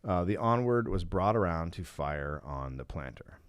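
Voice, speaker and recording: Give me a lively, low-voiced man telling a story. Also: clean tone, no echo, clean studio sound. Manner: halting, full of restarts and ums. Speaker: podcast host telling a history story. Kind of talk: casual comedic storytelling.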